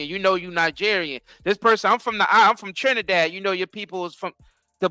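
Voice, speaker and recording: A high, bright-voiced man with who talks earnestly and a little preachily while co-hosting a casual talk show. His tone is smooth and clear. The sound is dry and close, with faint music underneath. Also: no room sound. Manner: earnest, preachy, frequent affirmations like "facts". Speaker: podcast co-host.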